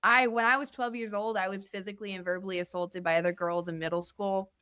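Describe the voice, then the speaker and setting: A young woman with a smooth, clear voice talks openly as a podcast guest. Her speech is earnest and meandering, full of little fillers and restarts. The sound is dry and close, with no room echo. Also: mid-range voice, fairly even intonation, fast, sharp tone. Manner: candid and earnest, rambling with many fillers. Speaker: guest musician. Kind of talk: casual podcast interview. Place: indoor podcast studio.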